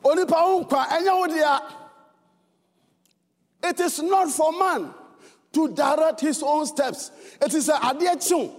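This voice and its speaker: A man with a Ghanaian accent preaching a sermon, swinging between fervent shouts and low, earnest tones. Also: unhurried, long pauses, long reverb tail.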